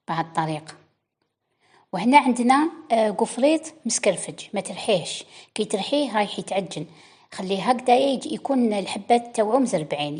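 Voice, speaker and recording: Woman, Algerian Arabic accent, breathy, cooking host, chatty instructions. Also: medium pitch, a little mellow. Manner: instructive, chatty, addressing viewers directly. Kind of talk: cooking tutorial voice-over.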